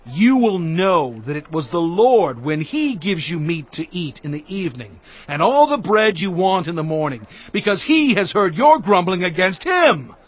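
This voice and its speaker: Moses, high-pitched, declamatory and stern. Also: male voice, sing-song, normal speed, few pauses. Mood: indignant. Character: Moses, stern, commanding leader of the Israelites. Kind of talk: dramatized scripture reading. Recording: dull band-limited audio with music.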